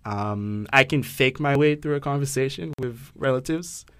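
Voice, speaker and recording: A man's voice: medium pitch, normal speed, fairly bright tone, smooth. A young man from Ghana hosting a casual podcast discussion, thoughtful and hesitant, with many fillers and restarts. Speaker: podcast host.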